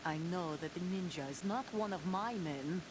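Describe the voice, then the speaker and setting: A woman's voice: fairly low pitch, moderate pace, background noise, natural voice. A woman playing a defiant, hostile young soldier. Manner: hostile, confrontational. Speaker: mercenary commander. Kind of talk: video game cutscene acting.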